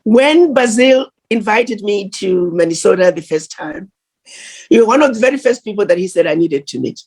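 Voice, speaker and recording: Husky-voiced woman giving a formal address. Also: medium pitch, lively intonation, normal speed, darkish tone. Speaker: conference speaker. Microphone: video call.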